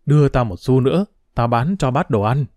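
A man voicing a gruff, scolding old woman who sells rice, speaking sharply in an audiobook. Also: medium pitch, fairly quick, a little mellow, no echo, natural voice.

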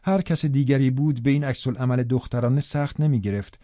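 Male audiobook narrator, mellow and even, dry slightly muffled studio sound. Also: medium pitch, no room sound. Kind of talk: scripted narration.

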